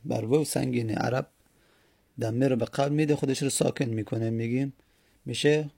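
A man with a heavily gravelly, creaky voice and a dark, mellow tone talks through a grammar lesson. He is patient and repeats words slowly and stretches them out. His voice is a bit husky, and the room sounds dry and close. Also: medium pitch, fairly even intonation, no echo. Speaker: teacher. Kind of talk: explaining Arabic grammar lesson.

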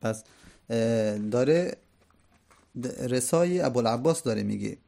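A man with a mid-range, dark-toned voice and some vocal fry lectures animatedly on classical poetry. He explains each verse line by line and poses rhetorical questions to his listeners.

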